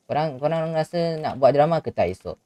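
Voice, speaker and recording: A man chats casually on a live stream while gaming, greeting and thanking viewers and laughing often. His voice is fairly high-pitched with a dark tone, and he talks animatedly at a fairly quick pace.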